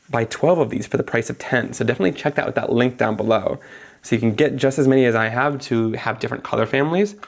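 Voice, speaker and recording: Still sniffly from being sick, a young man with a gravelly, medium-pitched voice chats enthusiastically while narrating each step of a live card-making tutorial.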